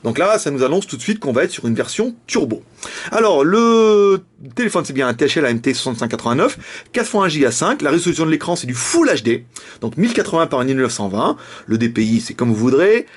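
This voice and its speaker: A man's voice: fairly high pitch, sing-song, fast talker. A young man with a casual, jokey manner, reviewing a phone and often laughing. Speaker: tech reviewer.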